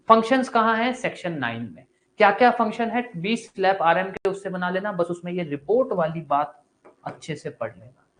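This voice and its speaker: A male law teacher giving a live online class, asking questions and answering them himself in a casual, encouraging way. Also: high-pitched. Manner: casual and encouraging, mixes Hindi with English terms.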